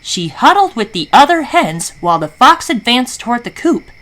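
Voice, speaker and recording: Very animated woman storyteller. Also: fairly high pitch, moderate pace. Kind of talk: animated scripted children's story narration. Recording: faint background noise.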